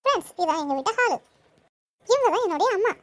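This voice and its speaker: Someone voicing a squeaky cartoon girl vlogger. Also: expressive, fast talker, a bit bright, no room sound. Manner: chatty, boastful. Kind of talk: comic home-tour vlog narration.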